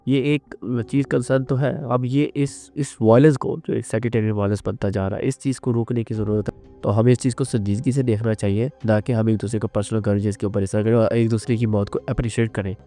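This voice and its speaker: A man giving unscripted, earnest analytical commentary on current events, pausing and restarting as he thinks. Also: fairly low pitch, mellow. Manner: earnest, measured, with frequent restarts and fillers.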